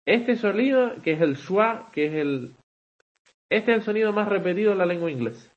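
A man's voice: high-pitched, lively intonation, normal speed, highs cut off. A man teaching English poetic meter in an online class, talking conversationally and checking in with frequent rhetorical "vale", with some hesitant restarts.

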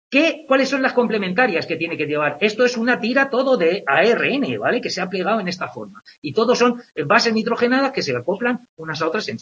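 Lively, high-pitched Spanish teacher. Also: male voice, highs cut off. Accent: Spain Spanish. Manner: conversational, checks in with "¿vale?" and "¿de acuerdo?"; explains with playful comparisons. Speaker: biology teacher. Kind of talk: online lecture with on-screen drawing.

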